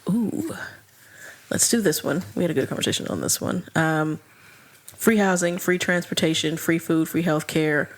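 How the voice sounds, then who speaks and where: A woman co-hosting a podcast, chatting in a casual, animated way and saying "like" a lot. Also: low-pitched, normal speed. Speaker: podcast co-host. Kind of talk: casual chat.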